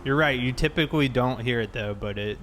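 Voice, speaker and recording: Like a streamer hosting a game session, a mid-pitched man chats casually while gaming and explains things conversationally. He talks fairly quickly with a fairly bright tone, over faint vehicle noise and ambience.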